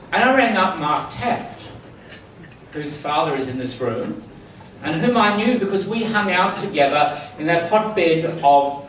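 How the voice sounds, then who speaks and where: The after-dinner speaker, an older man with an Australian accent, offers wry stories peppered with ums. His voice is fairly high and bright, heard through a distant mic in an echoey dining hall with a little hiss or hum.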